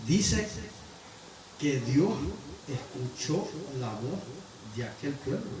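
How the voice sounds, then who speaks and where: A man preaching a sermon, talking straight to his listeners with rhetorical questions and swinging from loud exclamations to low murmurs. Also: sing-song, slow pace, roomy sound, recorded from a distance, a crowd in the background, low-quality recording.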